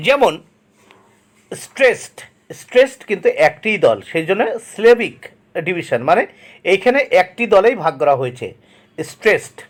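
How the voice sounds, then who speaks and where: Guy teaching a textbook lesson, kinda high voice, breaks words into syllables and says them again. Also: big pitch swings. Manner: slow, drawn-out reading of English example sentences. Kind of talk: explaining an English textbook lesson.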